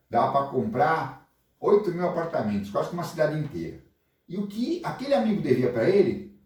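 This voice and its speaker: Animated Brazilian preacher telling a story to kids. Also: male voice, fairly high pitch. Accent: Brazilian Portuguese. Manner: animated, asks the listeners questions. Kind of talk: children's sermon storytelling. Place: church hall. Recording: echoey hall, voice far from mic.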